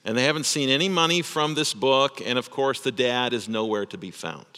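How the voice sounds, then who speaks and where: Man, pastor, sermon, bright and forceful, slightly high, long church reverb. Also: fairly quick. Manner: emphatic, repeats phrases for stress.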